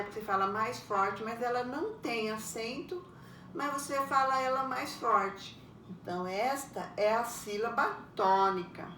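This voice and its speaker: Woman teacher, unhurried, explains step by step for children, roomy recording with faint background noise. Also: on the high side, fairly bright tone, far from the mic. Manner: patient, explains step by step, ends phrases with a tag question. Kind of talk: recorded lesson for young pupils.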